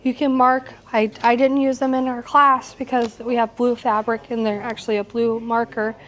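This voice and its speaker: A middle-aged woman with a slightly hoarse voice, teaching an informal hands-on quilting class. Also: a little high, level tone, moderate pace, fairly bright tone. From United States, located in Missouri. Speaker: quilting instructor. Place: shop workroom with warehouse shelving, small seated class. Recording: clear background noise in shop room.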